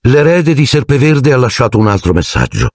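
A man's voice: mid-range voice, lively intonation, a little fast, dry recording, clean studio sound, voice pushed up. A man voicing a strict older woman professor who speaks firmly and clipped. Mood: grave. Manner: firm, clipped.

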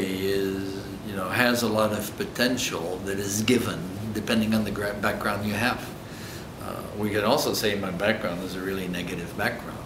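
A man in his sixties with a French accent speaks in a very low, deep voice, earnest and thoughtful as he searches for his words. The room around him rings noticeably, and a steady low rumble hums underneath. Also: echoey room. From Egypt. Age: 60s. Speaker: coach. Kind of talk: reflective interview answers. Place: indoor hotel room.

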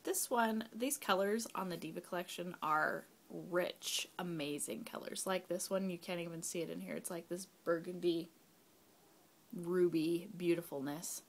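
Chatty young mom reviewing candles. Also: female voice, on the low side, fairly even intonation, normal speed. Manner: chatty, rambling with fillers, drops to whispers. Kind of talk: casual product review vlog. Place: home, kids nearby.

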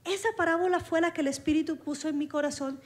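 A woman preacher telling a personal story in a sermon, lively and acting out the dialogue. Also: sits high, quick pace. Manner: lively, acts out dialogue, laughs along with her story.

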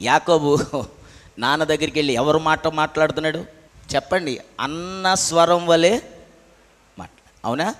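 High-voiced pastor preaching in a hall. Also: male voice, normal speed, long pauses, a bit bright. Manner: preaching with rhetorical questions, rising to emphatic peaks. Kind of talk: sermon.

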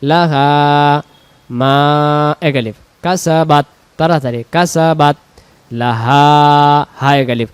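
A man's voice: a little high, smooth, no echo. Man teaching Quran recitation. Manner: explains rules quickly, then recites verses slowly in drawn-out chant. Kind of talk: recitation lesson, explaining and chanting.

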